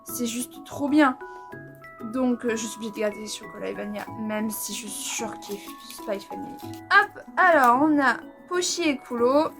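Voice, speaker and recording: Chatty young Frenchwoman, higher voice. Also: moderate pace, fairly bright tone, faint music behind. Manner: chatty and enthusiastic, slangy. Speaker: manga vlogger. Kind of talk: casual vlog chat.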